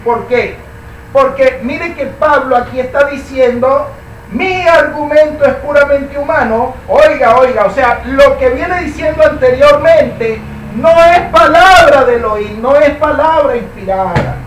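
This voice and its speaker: A man's voice: very high voice, unhurried, a little hiss or hum. A man teaching a Bible study class, emphatic and full of rhetorical questions. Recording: echoey room, mic at a distance.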